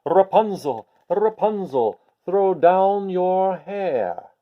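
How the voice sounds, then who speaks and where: A man's voice: high voice, big pitch swings, extremely slow, highs cut off, voice pushed up, full character voice. A man voicing a young, lovelorn fairy-tale prince who calls upward, pleading and exasperated.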